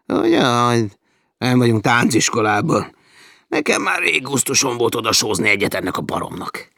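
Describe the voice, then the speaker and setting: A man voicing a brash, cheerful adventurer who swoops up loud and high in a dry recording. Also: huge pitch swings, gravelly, no echo, exaggerated voice. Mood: boisterous. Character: brash cheerful male sailor-adventurer, boisterous.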